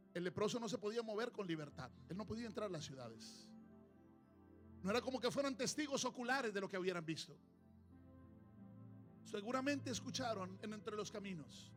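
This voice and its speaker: A man preaching a sermon to his congregation in church, calling them "amados" and swinging between hushed passages and shouted ones. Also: high-pitched. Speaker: pastor.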